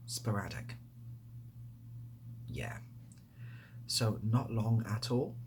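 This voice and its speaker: A man who creates and hosts ASMR videos speaks softly to the camera in casual question-and-answer style, breathy and frequently whispering. He rambles hesitantly and self-deprecatingly, drawing out his words in a lowish voice. Slight background noise is present.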